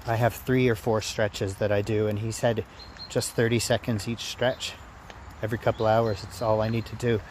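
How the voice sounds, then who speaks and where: Low-voiced man vlogging over background noise. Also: flat delivery. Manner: reflective, halting, repeats phrases. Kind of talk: casual personal vlog monologue.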